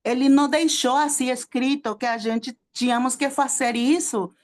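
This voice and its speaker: Delivering a sermon to a small group, this preacher and theology teacher speaks with a Spanish accent, Spanish being her native language. Her voice is high and steady in tone, and she pauses often with fillers, making sure everyone keeps up.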